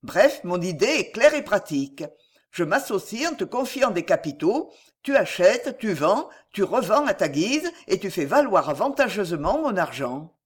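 Relaxed, teasing well-off gentleman read by a narrator, storybook audiobook. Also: medium pitch, normal speed, breathy edge. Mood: calm. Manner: calm, easygoing. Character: wealthy whimsical gentleman, calm and teasing. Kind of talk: audiobook reading.

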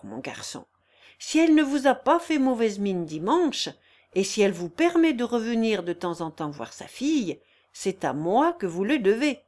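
A blunt, fatherly old carpenter who teases and presses for the truth, as a woman reads him aloud. The voice stays close to a middle-pitched woman's own reading, lightly colored rather than fully transformed. It is a plain storybook reading. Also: a little mellow, natural voice. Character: old male carpenter, gruff fatherly friend. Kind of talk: audiobook character reading.

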